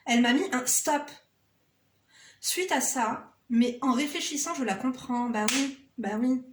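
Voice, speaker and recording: A woman's voice: high-pitched, a little slow, roomy sound. A woman vlogger giving relationship advice, reading out a viewer's story and cutting in with sassy, sarcastic, teasing asides.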